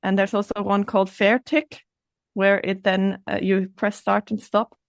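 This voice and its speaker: A young woman from Switzerland, a guest on a podcast, explaining things in a friendly, relaxed way. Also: medium pitch, measured pace, creaky, no echo. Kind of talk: casual interview chat.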